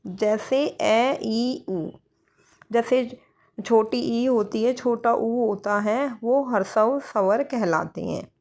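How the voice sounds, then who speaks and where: Woman, teacher, slow and patient, fairly high voice, asks and answers her own questions. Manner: slow, repeats questions to students and answers them; mixes English words into Hindi. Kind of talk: Hindi grammar lesson for exam students.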